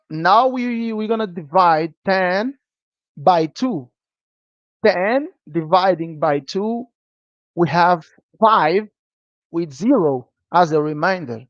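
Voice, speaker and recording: Teaching programming on a live stream, this Portuguese-speaking instructor talks slowly at a medium pitch and pauses often. There's no echo on the dull, dry recording, and "okay?" comes up again and again as he checks in.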